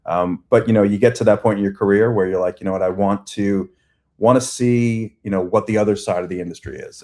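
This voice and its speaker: His voice sits low with a touch of mellowness. He's a man in his forties with a Long Island accent, a guest who runs an agency, giving lengthy, chatty interview answers riddled with fillers and restarts.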